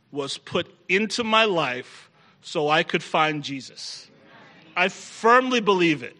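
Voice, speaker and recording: A man's voice: sits high, pushed and bright. A middle-aged man preaching a sermon to a live congregation, emphatic and repeating key phrases for effect.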